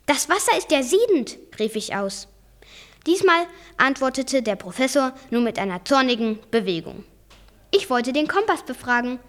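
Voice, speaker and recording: A high-pitched girl reads a novel aloud for a school reading project. Her delivery is careful and deliberate. She narrates in plain storyteller fashion, sentence by sentence. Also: fairly bright tone. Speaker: student reader.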